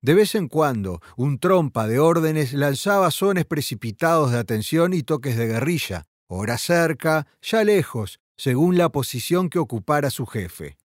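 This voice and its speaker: A man narrating an audiobook in a dramatic, expressive reading. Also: fairly high pitch, unhurried, hardly any pauses, no echo, studio quality.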